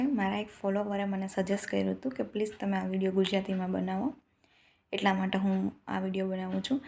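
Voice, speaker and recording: A woman's voice: medium pitch, gravelly, mellow. A woman giving an earnest motivational talk to her followers, lecturing with many rhetorical questions. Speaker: motivational speaker.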